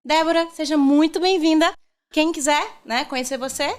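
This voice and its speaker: A woman's voice: sits high, moderate pace. A young woman hosting a casual podcast chat, upbeat and friendly, laughing often. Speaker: podcast host. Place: studio.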